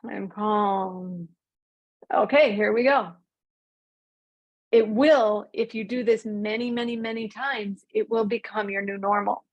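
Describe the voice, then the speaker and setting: A woman teaching an online mindfulness class, speaking calmly and drawing out key words slowly. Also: fairly high pitch, slightly rough, poor audio. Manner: calm, slows and stretches key words. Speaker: mindfulness coach.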